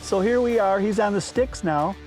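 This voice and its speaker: A man's voice: high-pitched, moderate pace, over music. A man hosting a hunting show, enthusiastic and often repeating words as he recounts the hunt. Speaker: hunter and show host. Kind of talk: casual hunting show talk.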